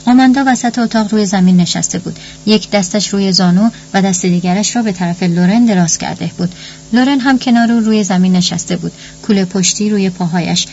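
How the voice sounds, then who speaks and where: Brief: female audiobook narrator, steady and dramatic, dull lo-fi recording. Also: mid-range voice. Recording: dull lo-fi recording with faint hum.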